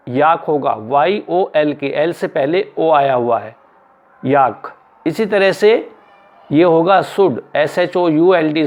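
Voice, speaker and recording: Guy teaching english spelling, spells out each letter slow, kinda high voice. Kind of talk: explanatory lesson.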